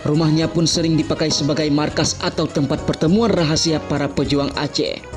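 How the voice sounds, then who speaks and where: Male narrator over loud music. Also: a little high, a little fast. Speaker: documentary narrator. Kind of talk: scripted narration. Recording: video played back with music behind.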